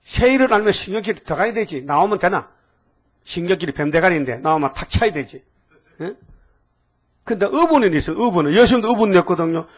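A man's voice: high-pitched, animated, fast, breathy edge. An older man with a preaching a folksy, scolding sermon and asking the congregation questions. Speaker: pastor.

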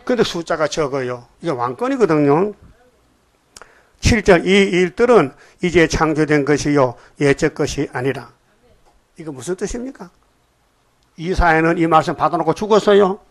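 A man preaching a sermon, emphatic and prodding his listeners with repeated questions. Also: fairly high pitch.

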